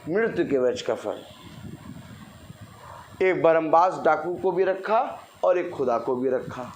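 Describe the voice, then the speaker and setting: Animated high-voiced preacher, man. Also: slow, a little hiss or hum. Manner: animated preaching, acting out everyday people with playful mockery and laughter. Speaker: pastor. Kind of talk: Hindi sermon with congregation responses.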